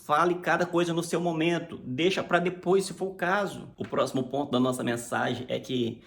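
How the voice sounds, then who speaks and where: Man, Brazilian accent, preaching instructor, emphatic, acts out dialogue, slightly high voice. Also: moderate pace, gravelly. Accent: Brazilian Portuguese. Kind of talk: preaching lesson.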